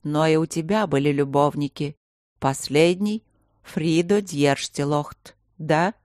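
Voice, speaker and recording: A woman doing a cold, flat-voiced king. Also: low voice, dry recording, clean studio sound. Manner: flat, slow, even. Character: king, cold controlled adult man.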